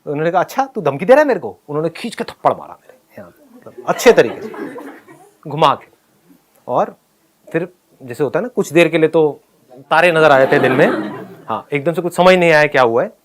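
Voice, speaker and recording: A man tells a personal school story in an animated way, laughing often and acting out his own lines. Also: on the high side, a little fast, long pauses, a little hiss or hum. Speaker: speaker telling a school story.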